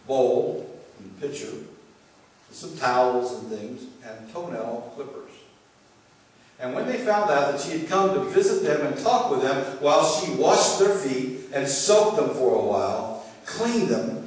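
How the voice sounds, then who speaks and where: Older pastor preaching in an echoey church. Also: male voice, mid-range voice, distant mic. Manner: conversational, halting restarts. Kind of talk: storytelling sermon. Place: church sanctuary.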